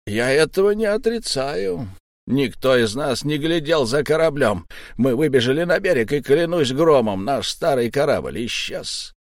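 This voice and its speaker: A man voicing a sly, smooth-talking old pirate captain whose mock friendliness hides a threat, in an audiobook. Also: mid-range voice, animated, a little slow, dry recording, studio quality. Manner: mock-friendly, coaxing, menacing underneath.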